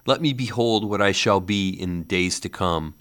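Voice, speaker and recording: A man's voice: low voice, normal speed, a bit bright. A man voicing a frightened old male miser who begs a ghost in earnest, old-fashioned speech, his voice strained and rising to anguished cries. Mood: anxious. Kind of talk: audiobook character voice.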